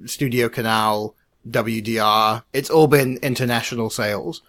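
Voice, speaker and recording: A man who is an independent filmmaker, co-hosting a casual podcast chat in a measured, reflective way, his sentences trailing off quietly. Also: medium pitch, fairly even intonation.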